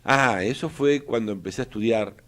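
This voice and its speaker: A man's voice: mid-range voice, normal speed, fairly bright tone. An older man from Argentina with an Argentine accent, an economist answering interview questions in a hesitant way, with many fillers and restarts. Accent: Argentine Spanish. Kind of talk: casual interview talk.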